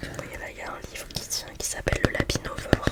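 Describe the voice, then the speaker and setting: A woman speaks in a soft library whisper, presenting children's books for ASMR in a casual, hesitant, chatty way. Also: quick pace.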